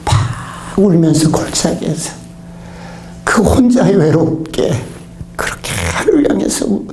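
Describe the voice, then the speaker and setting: A man preaching a revival sermon, telling his testimony with emotion and often dropping to a hushed whisper. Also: high voice, lively intonation, slow, slight background noise. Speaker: pastor.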